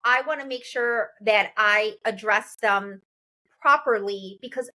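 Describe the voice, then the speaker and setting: Unhurried and mid-range in pitch, a forties-aged woman from Chicago leads a relaxed interview conversation. She keeps things lively by frequently echoing her guest.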